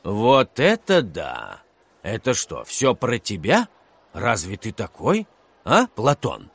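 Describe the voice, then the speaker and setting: A calm, kindly schoolteacher in a storybook, speaking in a low, unhurried and measured voice, as a man reads him. Gentle and patient with the children. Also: vocal fry, breathy edge, heavily acted.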